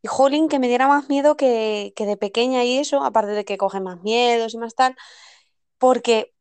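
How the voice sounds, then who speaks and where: Smooth-voiced woman, thoughtful chat. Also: fairly high pitch, normal speed, darkish tone, dry recording. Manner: thoughtful, rephrases herself as she goes. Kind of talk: casual chat.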